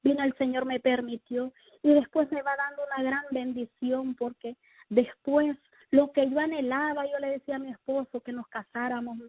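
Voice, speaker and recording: Woman, high breathy voice, fervent personal testimony; tinny phone-quality recording. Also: level tone, moderate pace, dry recording. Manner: fervent, repetitive, emotional storytelling. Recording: tinny phone-like dry sound.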